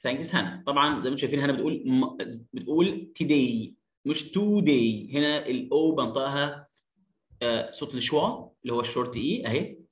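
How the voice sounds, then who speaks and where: A man with an Egyptian Arabic accent teaching an English lesson, repeating words slowly to drill pronunciation. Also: mid-range voice, reverberant, muffled recording. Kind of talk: lesson explanation.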